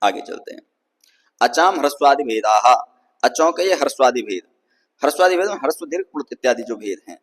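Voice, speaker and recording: A man's voice: medium pitch, lively intonation, fast, in a large hall, low-quality recording. A man teaching Sanskrit grammar in a patient lecture, often checking that students follow and drawing out vowels to show their length. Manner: patient, repeats "ठीक है ना" to check understanding. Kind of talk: explanatory lecture.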